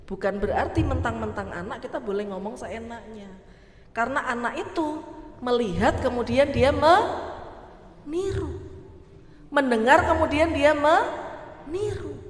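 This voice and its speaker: A woman's voice: a little high, a little hiss or hum. A middle-aged woman gives a parenting talk at a mosque, often quizzing her listeners with either-or questions. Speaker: parenting speaker. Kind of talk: religious study talk on parenting. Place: mosque hall. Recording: echoey hall with faint ambience.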